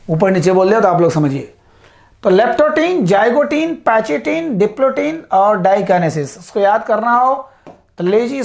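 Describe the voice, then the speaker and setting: Woman teaching a biology lecture. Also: mid-range voice. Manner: repeats "ठीक है" to check understanding, drills terms slowly; addresses students as "साथियों". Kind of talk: whiteboard lecture.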